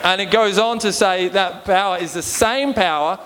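Speaking at a moderate pace, this Australian man has a high, somewhat bright voice as he preaches casually. He keeps asking his listeners rhetorically whether they agree, and the recording carries a long hall reverb.

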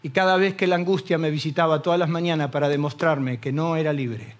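A middle-aged man with a Rioplatense Spanish accent preaching a sermon as pastor, lively and acting out the voices of people he quotes. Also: a little high, fairly quick.

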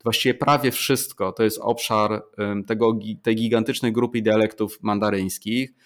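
A middle-aged man, a professor, explaining in an interview in a measured way with examples, with frequent fillers and restarts. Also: on the low side, fairly even intonation. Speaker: professor of Chinese, interview guest.

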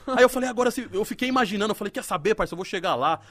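A man's voice: high voice, expressive, very fast, a bit bright. A man telling a story in a casual, slangy podcast chat. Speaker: podcast guest.

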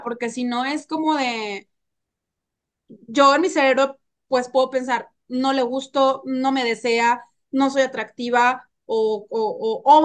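Playful high-voiced Mexican woman. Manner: playful, candid, laughs often, acts out sultry voices. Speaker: guest, erotic fiction author. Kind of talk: casual podcast conversation.

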